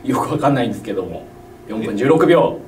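Fast-talking man, polite, music behind. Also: mid-range voice, expressive. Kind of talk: casual chat. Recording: distant mic, music behind.

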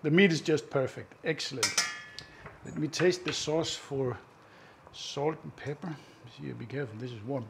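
A man hosting a cooking show, calmly explaining each step as he cooks, often chuckling. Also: mid-range voice, normal speed, vocal fry, background noise. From Northern Europe. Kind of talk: casual cooking demonstration.

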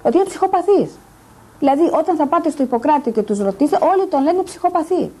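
A woman's voice: high-pitched, lively intonation, mellow. A distressed middle-aged woman giving agitated, insistent testimony in a news interview, repeating her points. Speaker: interviewee, patient's daughter.

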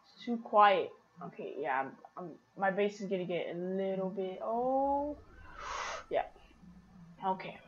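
A woman giving casual, excitable commentary on her own gameplay, talking to her viewers. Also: medium pitch, measured pace, pauses often, highs cut off. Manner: chatty, excitable, talks to viewers. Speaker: gaming streamer.

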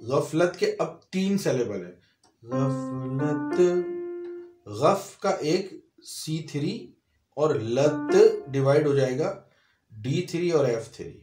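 Slow-speaking man teaching a melody. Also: fairly high pitch, expressive, echoey room. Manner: explains notes step by step, singing short phrases between. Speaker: music teacher. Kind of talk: piano and vocal lesson. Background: piano playing.

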